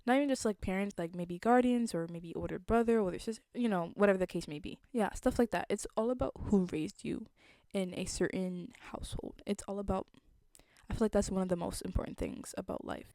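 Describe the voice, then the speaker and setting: A young woman with a relaxed, mellow tone and a slight lisp talks casually to her viewers. She is earnest and reflective, like someone thinking aloud, and the recording is dry with little room sound. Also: medium pitch, brisk, no room sound. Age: young adult. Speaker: vlogger.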